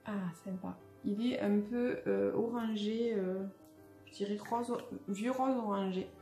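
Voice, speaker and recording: Young woman vlogger, casual and halting, mellow tone, echoey room with faint music. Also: medium pitch, fairly even intonation. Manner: hesitant, many fillers and restarts. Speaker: beauty vlogger. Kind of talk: casual unboxing chat.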